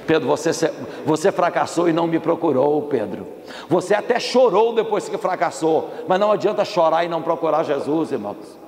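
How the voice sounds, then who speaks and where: A man preaching voices Jesus calling a disciple aside, in a slow, earnest, coaxing way. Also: a little high, animated, darkish tone, echoey room, in a large hall. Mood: tender, urging.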